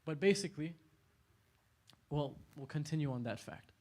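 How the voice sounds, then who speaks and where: A man lecturing a youth audience at an Islamic center in a casual, animated way. He laughs often and talks in a large indoor hall. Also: a little high, normal speed.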